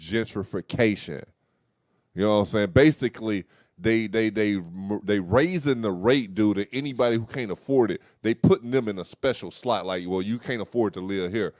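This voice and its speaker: Young guy hosting a chill talk show, lotta slang, lowish voice, dry close mic. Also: normal speed, dry recording. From Dallas, Texas. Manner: loose, slangy, animated storytelling. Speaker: host. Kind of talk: casual podcast chat.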